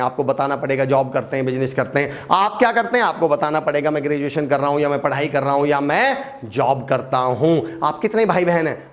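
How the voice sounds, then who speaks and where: A middle-aged man teaching an English lesson in an animated way, asking and answering his own questions. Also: on the high side. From India.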